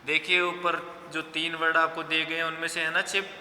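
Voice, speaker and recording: A male school teacher giving an online class lesson, explaining slowly and repeating each answer so students can write it down. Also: a little high, completely flat delivery, bright, forceful tone. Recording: echoey room with faint background hum.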